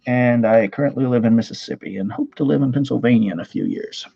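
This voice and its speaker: A man's voice: medium pitch, quick pace, vocal fry, dark tone, slightly rough, highs cut off. A man from Tennessee with a Southern twang, hosting a casual livestream chat, rambling, reading comments aloud and laughing easily. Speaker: livestream host.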